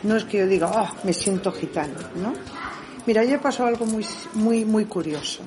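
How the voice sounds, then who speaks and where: A middle-aged woman talks through a conversational interview and tells her stories with energy. She slips into other people's voices as she retells what they said, and her pitch swings widely throughout. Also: normal speed, crowd noise. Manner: animated storyteller who acts out dialogue. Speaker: interview guest.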